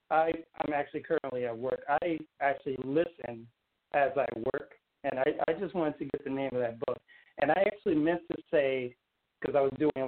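A man's voice: medium pitch, a little hiss or hum. Hesitant New man over phone. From New Orleans, Louisiana. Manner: hesitant, halting, repeats "actually". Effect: heard over a phone line. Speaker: caller. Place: at work. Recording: tinny narrow phone line.

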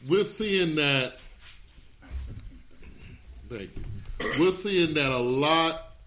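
A man's voice: fairly high pitch, expressive, drawn-out words, a little hiss or hum. A man co-leading a live-streamed Bible study, speaking emphatically and directing readers to verses. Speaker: Bible class teacher. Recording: tinny phone-like stream audio.

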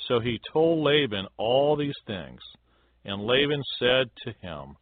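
A man reading a Bible passage aloud slowly and solemnly, letting his voice fall at the ends of phrases. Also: no echo. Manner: measured, solemn, dropping pitch at phrase ends. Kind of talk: slow scripted Bible reading. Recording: dry, phone-like narrow sound.

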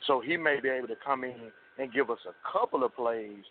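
A man calling in to a radio show on a cell phone, speaking earnestly and in a measured way about his team. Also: mid-range voice. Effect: heard over a cell phone line. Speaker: radio call-in caller. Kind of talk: earnest sports fan commentary. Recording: tinny cell phone line with faint hiss.

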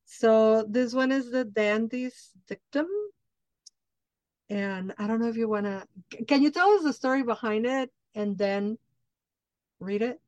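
A woman's voice: fairly high pitch, measured pace, a little mellow, dry recording, lo-fi sound. A woman hosting an interview, effusive and enthusiastic, whose first language is Spanish. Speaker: show host. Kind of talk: casual interview chat.

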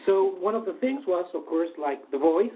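Over a tinny, phone-like line, a man with a high-pitched, expressive voice answers interview questions at normal speed. A former stage hypnotist turned hypnotherapist, he uses many fillers and restarts.

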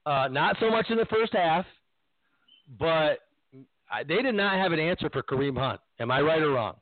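A man hosting a casual sports chat, animated and ranting, laughing often. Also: a little high, normal speed, dry recording. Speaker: podcast host. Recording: tinny phone-like line.

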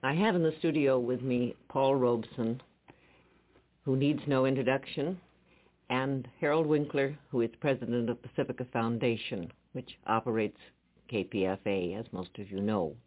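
A man interviewing a guest in a radio studio, heard as an old radio broadcast; he speaks in a measured, polite way with hesitant pauses. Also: medium pitch. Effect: old radio broadcast sound. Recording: narrow-band 1950s radio archive.

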